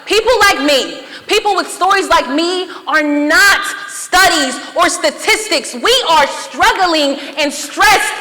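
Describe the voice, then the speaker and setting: Earnest high-voiced young woman advocate. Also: slow, hardly any pauses, bright, forceful tone. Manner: earnest, plainspoken, emphatic. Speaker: youth advocate panelist. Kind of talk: impassioned personal speech. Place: conference hall with audience. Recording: reverberant conference hall, audience murmur.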